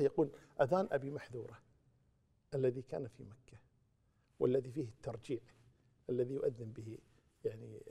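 A man giving a religious lesson, retelling a story and quoting its speakers with emphatic rises and soft drops. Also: medium pitch, vocal fry, breathy edge. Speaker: religious teacher. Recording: long hall reverb.

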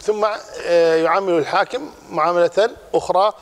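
A man teaching a religious class, explaining a text in a lively way and repeating his key points. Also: sits high, brisk, big-room sound.

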